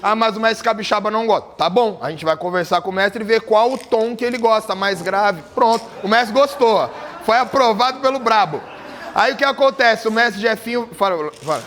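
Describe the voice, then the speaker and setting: A man's voice: high-pitched, normal speed, fairly bright tone. A man leading a capoeira workshop, asking the group questions and joking as he explains tuning. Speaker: capoeira teacher. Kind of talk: workshop teaching. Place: group class with berimbaus.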